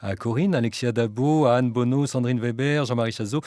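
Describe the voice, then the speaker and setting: A man hosts a radio interview, easing into his questions with plenty of fillers. His voice is at an ordinary middle pitch. The sound is dry and close to the mic. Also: fairly quick, no room sound. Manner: gentle questioning with many fillers. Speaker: radio host.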